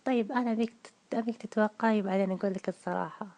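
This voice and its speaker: Coy young Saudi woman, voiced by a man doing a woman's voice, Gulf accent, mellow tone, evasive and halting, telephone audio. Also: high voice, steady tone. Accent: Gulf Saudi Arabic. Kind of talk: prank phone chat.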